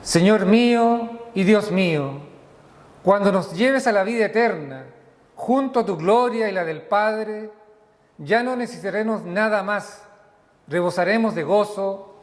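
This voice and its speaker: Minister, male, high voice, solemn measured liturgy, long cathedral reverb. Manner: solemn, measured prayer reading. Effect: cathedral echo, long reverb. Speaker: minister leading worship. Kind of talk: leading a church liturgy. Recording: long echoey hall reverb.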